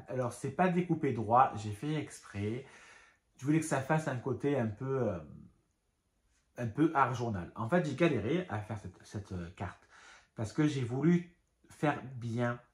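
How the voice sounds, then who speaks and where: A man's voice: medium pitch, animated, a little slow, darkish tone, roomy sound. A man casually showing his craft supplies in a home vlog, chatty and rambling with many fillers and asides. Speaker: craft vlogger. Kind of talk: casual show-and-tell vlog.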